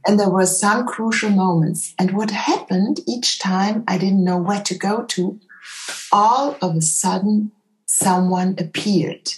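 A woman who speaks English as a second language, telling a personal story reflectively in conversation as an interview guest, with hesitant pauses between short phrases. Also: medium pitch, slight background noise, rough recording. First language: not English.

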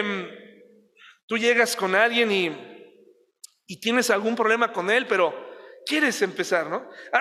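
A man's voice: very high voice, sharp tone. A man with a Mexican accent preaching a sermon in a chatty way, asking the listeners questions and acting out little everyday scenes. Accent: Mexican Spanish. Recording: long reverb of a large hall.

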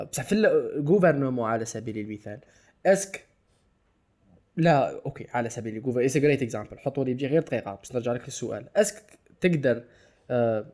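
A man talking quickly in a relaxed, mellow voice. He thinks out loud on a casual podcast, pausing on long "aah"s and slipping into English and French words. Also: medium pitch. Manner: thinks aloud, stretches "aah" between ideas, mixes in English and French. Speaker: podcast co-host.

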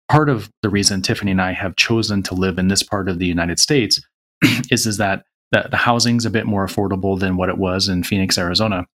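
Man, very deep voice, podcast guest, earnest reflective chat. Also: fairly bright tone. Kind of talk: casual conversation.

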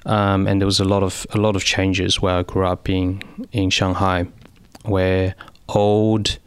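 A man in his thirties or forties who grew up in China, speaking as an interview guest in a measured, reflective way with frequent fillers. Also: low-pitched, little pitch movement, smooth, dry recording. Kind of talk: conversational interview.

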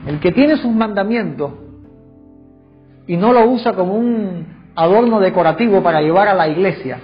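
A man's voice: high-pitched, normal speed. A man preaching a sermon to a congregation in church, fervent and full of rhetorical questions. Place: church service before a congregation. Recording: dull lo-fi sound, faint music behind.

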